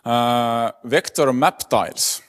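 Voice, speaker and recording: Man giving a conference talk. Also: mid-range voice. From Estonia. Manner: plain, halting non-native English with many fillers. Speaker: conference speaker. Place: conference hall. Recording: long hall reverb.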